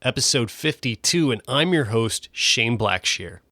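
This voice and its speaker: A man's voice: mid-range voice, lively intonation, unhurried, pushed and bright, dry recording, studio quality. A man hosting a podcast, reading an upbeat scripted intro, then interviewing a guest. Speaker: podcast host.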